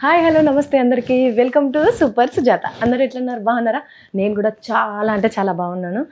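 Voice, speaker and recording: A woman's voice: a little high, a little fast, darkish tone, slight background noise. Chatty Telangana woman vlogger. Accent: Telangana Telugu. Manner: chatty, playful, mixes in English words. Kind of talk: casual vlog chat. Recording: dull lo-fi sound.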